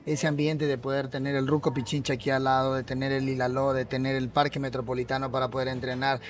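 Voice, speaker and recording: A man with a coastal Ecuadorian accent, a mountaineer and police officer, telling his story in an earnest, halting way during a café interview. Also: medium pitch, level tone. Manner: earnest, repeats words while searching for them. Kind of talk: casual interview.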